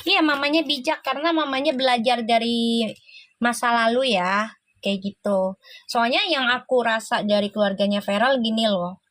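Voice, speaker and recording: A woman's voice: a little high, normal speed, fairly bright tone, no room sound. A woman doing a casual live tarot reading, exclaiming and laughing often as she talks. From Indonesia. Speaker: tarot reader.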